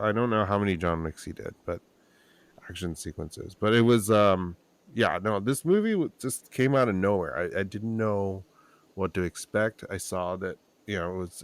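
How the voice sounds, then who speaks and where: A sleep-deprived man in his thirties, co-hosting a podcast in casual chat, rambling and restarting his sentences. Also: low voice. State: tired, low on sleep. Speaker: podcast co-host.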